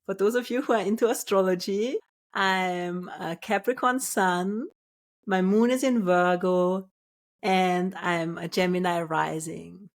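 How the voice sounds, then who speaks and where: A woman from Austria hosting her own podcast, speaking in a calm, measured and soft-spoken way as a spiritual business coach. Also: fairly low pitch. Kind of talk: scripted solo podcast.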